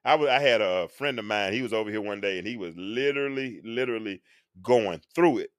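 A man in his forties, hosting a live-stream talk and being interviewed, speaks fairly quickly in a lowish voice. His manner is earnest and preacher-like, with occasional sung phrases, recorded dry at studio quality.

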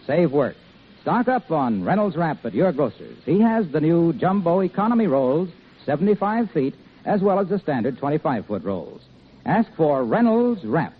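Husky male announcer on old broadcast disc. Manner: brisk, persuasive sales pitch. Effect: old broadcast disc recording. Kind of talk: 1950s radio commercial announcing. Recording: tinny old radio transcription disc.

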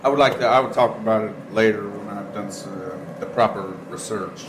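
A man's voice: on the low side, a little fast. Stoner guy rambling casually on a show, hesitant, noisy background. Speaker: co-host of a cannabis show. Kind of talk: casual unscripted chat. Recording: clearly noisy live room recording.

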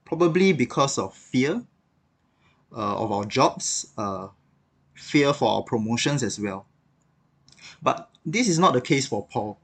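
A man's voice: mid-range voice, lively intonation, unhurried, pauses often, fairly bright tone. Male devotional speaker, mid-range voice, reflective teaching tone, casual with light fillers. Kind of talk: scripted devotional talk.

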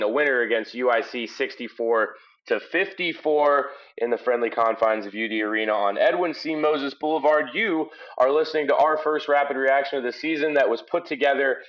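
A man's voice: mid-range voice, dull audio. A man hosting a conversational sports recap podcast in emphatic, folksy phrasing, recorded through headphones used as a mic. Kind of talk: conversational post-game recap. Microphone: headphones used as microphone.

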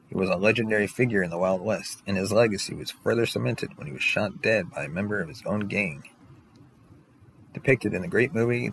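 A man with a fairly low, gravelly voice narrates a scripted top ten countdown as its host. He presents each entry as a factual rundown. Some light background noise sits behind him. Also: poor audio. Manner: announces numbered entries, then recounts facts.

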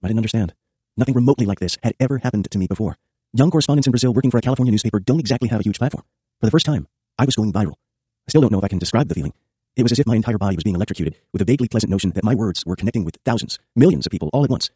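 Male audiobook narrator, low mellow husky voice, very fast memoir read. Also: expressive, no echo. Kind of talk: scripted first-person memoir narration.

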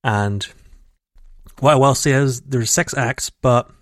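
On a casual gaming podcast, a male co-host with a mid-range voice speaks slowly in long, meandering stretches packed with fillers and false starts. The sound is dry, raw home audio from a computer mic over a call.

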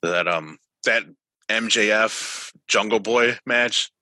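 A man talking in an excited frat-bro way, casually chatting about wrestling with lots of slang and swearing. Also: fairly low pitch, slow pace, no echo. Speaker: wrestling podcast co-host. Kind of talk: casual, profane wrestling chat.

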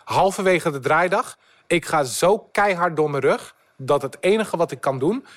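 Casting: young male comedian, high voice, animated storyteller who swears and mixes in English. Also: normal speed. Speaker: podcast guest, comedian. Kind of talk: storytelling anecdote.

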